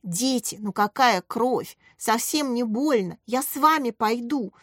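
A woman reading the part of a kind, playful young schoolteacher in a storybook, in a gentle, teasing way. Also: a little high, a little slow, no room sound, clean studio sound. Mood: soothing.

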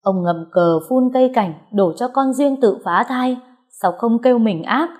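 A foul-mouthed, scornful mother-in-law, voiced by a woman reading a storybook, spits her words out in a raised, higher voice. Her tone stays mellow and dark underneath despite the shouting. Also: expressive, measured pace. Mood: scornful, raging. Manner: sneering, cursing shouts.

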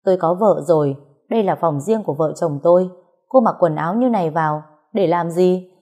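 A woman voicing a cold young husband who speaks in a flat, curt way. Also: fairly low pitch, fairly quick, close to an everyday voice.

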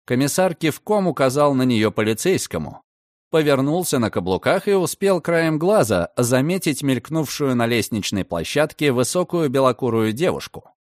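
A man reading a novel aloud as audiobook narrator, in an expressive, dramatic way. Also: medium pitch, normal speed, no echo, studio quality. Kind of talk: scripted narration.

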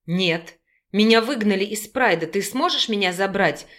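A man's voice: high voice, expressive, moderate pace, a bit bright. A woman voicing a sullen, mocking male werewolf who speaks curtly through his teeth, in an audiobook.

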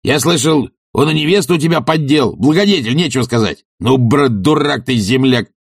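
A male reader voicing a coarse, blustering middle-aged sponger who shouts insults and self-pitying rants in a husky voice. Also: medium pitch, lively intonation, moderate pace, dry recording, studio quality, voice pushed up. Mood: scornful, ranting.

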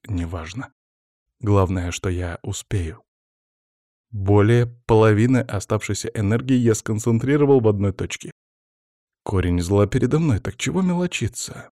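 A man narrating a fantasy audiobook in the first person, in an even, measured storytelling manner. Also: fairly low pitch, no echo, studio quality.

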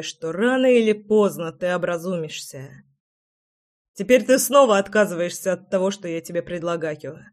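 A woman's voice: lowish voice, lightly acted. Damien, a woman voicing a furious male clan leader. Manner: shouting, bitter.

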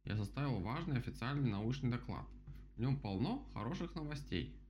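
A man voicing a calm, smug male beaver who talks in a slow, offhand, matter-of-fact way in a storybook. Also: medium pitch, pitched above the performer's own voice, close to an everyday voice. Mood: explaining. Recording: dull lo-fi with faint hum.

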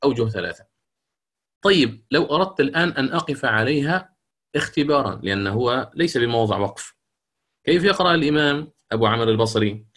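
A middle-aged man lecturing on Quran recitation rules, asking questions and answering them himself, and chanting verses slowly as examples. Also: medium pitch, expressive, fairly bright tone.

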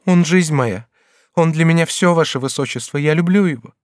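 Reading an audiobook, a man lightly acts out a timid, desperate young woman pleading with a prince, raising his voice above its natural pitch into a strained, tremulous plea. His voice is a little high at a moderate pace, recorded in studio quality with no room sound.

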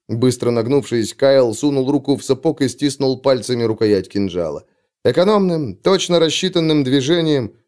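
A man reading an adventure story aloud as narrator, in steady, dramatic storytelling. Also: medium pitch. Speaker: audiobook narrator. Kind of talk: scripted narration.

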